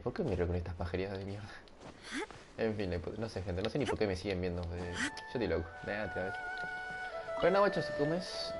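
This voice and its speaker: A young man with a Rioplatense accent, rambling and joking with his viewers over a headset mic. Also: on the low side. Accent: Rioplatense Spanish. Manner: rambling, joking, laughs at himself. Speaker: streamer. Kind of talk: casual gaming livestream chat. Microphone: headset microphone.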